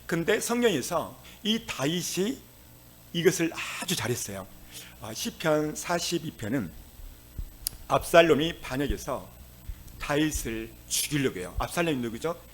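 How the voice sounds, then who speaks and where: A male pastor preaching a sermon, dropping to hushed tones and then rising to loud exclamations. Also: a little high, big pitch swings, moderate pace, a little hiss or hum.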